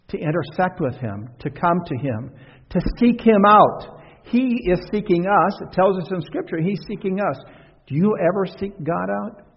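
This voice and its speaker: A male pastor with a slightly high, husky voice delivers a conversational sermon in a church sanctuary, his voice swelling and dropping as he poses rhetorical questions to the congregation. The recording sounds dull and reverberates through the church hall.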